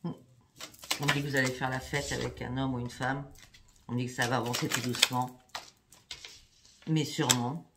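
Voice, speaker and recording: A woman doing a tarot reading for her viewers, speaking in a chatty way and often checking in with "hein" and "d'accord". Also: rumbling low. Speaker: psychic card reader. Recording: steady background noise with clicks.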